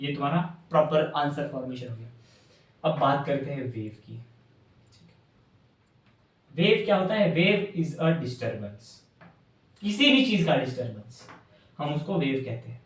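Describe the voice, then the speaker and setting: A man's voice: fairly high pitch, recorded from a distance. Man teaching in a very echoey room. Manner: playful, asks and answers his own questions, calls students "bhaiya". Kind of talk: animated classroom explanation. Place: classroom with a whiteboard. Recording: very echoey room, voice a bit off-mic.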